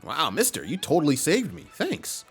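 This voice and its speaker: A man voicing a perky young female goomba student in a bubbly, excitable way. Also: on the high side, normal speed, slightly rough, faint music behind, pitched above the performer's own voice, full character voice. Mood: excited.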